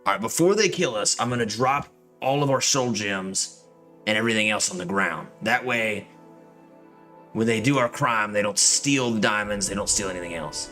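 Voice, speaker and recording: Playing a video game, a male streamer offers casual, profane, grumbling commentary with game music running behind him. His lowish voice is pushed and bright, delivered at a moderate pace.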